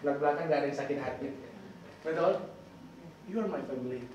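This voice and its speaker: A man's voice: fairly high pitch, fairly quick, lo-fi sound. A man preaching a sermon as pastor, playful and teasing, throwing questions at the congregation. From Indonesia. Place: church hall. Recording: echoey hall, far from the mic.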